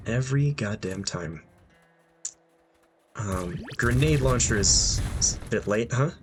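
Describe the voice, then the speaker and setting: A man's voice: mid-range voice, lively intonation, slow pace. A young man giving casual gameplay commentary, thinking aloud with frequent ums and dry asides. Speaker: gameplay streamer. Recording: game music playing underneath. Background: game music.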